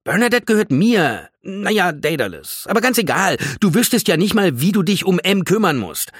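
A man voicing a defiant, cheeky mortal girl in a storybook reading, lifted far above his own pitch. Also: very animated, fairly quick, bright, forceful tone, breathy edge, dry recording, studio quality, heavily acted. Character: spirited stubborn mortal young girl.

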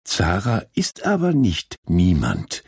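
A soft, comforting female animal heroine from a storybook, as a male narrator puts her on. She speaks slowly with a husky, slightly gravelly edge in a dry, close sound. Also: low-pitched, huge pitch swings, no room sound, pitched below the performer's own voice, heavily acted. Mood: gentle.

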